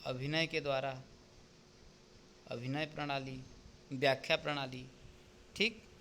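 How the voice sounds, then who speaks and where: Slow, deliberate teacher, man. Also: mid-range voice, steady tone, sharp tone, a little hiss or hum. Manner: explains step by step, often checks with "ठीक?". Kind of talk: exam paper walkthrough lesson.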